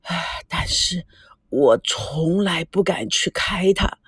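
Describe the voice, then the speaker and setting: Lady reading an old grandpa all choked up, soft breathy halting voice, voice swings a lot. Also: lowish voice, expressive, no room sound, clean studio sound, full character voice. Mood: overjoyed. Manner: tearful, hushed, halting. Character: elderly grandfather overcome with emotion.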